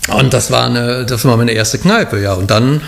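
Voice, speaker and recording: A man's voice: mid-range voice, normal speed, gravelly, fairly bright tone. A middle-aged man from Cologne telling his life story in an interview, rambling with many fillers and restarts. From Cologne, Germany. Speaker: guest, bar owner and musician.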